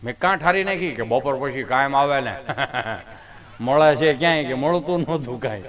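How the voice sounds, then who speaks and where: A man's voice: medium pitch, expressive, moderate pace, a bit bright. A man telling folksy comic stories, acting out the dialogue himself. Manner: chatty, folksy, acts out dialogue. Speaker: stand-up comedian. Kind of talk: comic storytelling.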